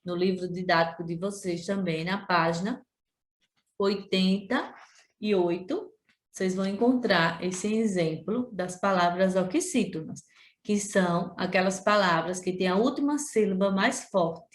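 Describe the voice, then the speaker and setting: A woman teacher from Sergipe with a Brazilian accent, giving a remote lesson to children, repeating points and drawing out syllables. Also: mid-range voice. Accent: Brazilian Portuguese, Sergipe. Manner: slow, drawn-out syllables when pronouncing example words; addresses pupils directly, repeats points. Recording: echoey room.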